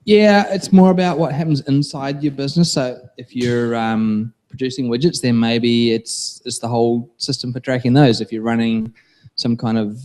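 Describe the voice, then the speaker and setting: New Zealand-accented man, mid-pitched, earnest guest, stumbles over repeated words. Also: fairly even intonation, normal speed, a little mellow. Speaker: guest business owner. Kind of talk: explaining a product.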